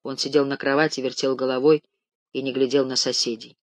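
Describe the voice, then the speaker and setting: A man narrating a story in a measured audiobook reading. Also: medium pitch, little pitch movement, no room sound.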